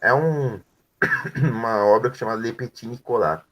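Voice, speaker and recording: A man with a mid-range, somewhat bright voice teaches French to adult students in an online class, explaining grammar without hurrying. He goes over words patiently and checks in with frequent tag questions.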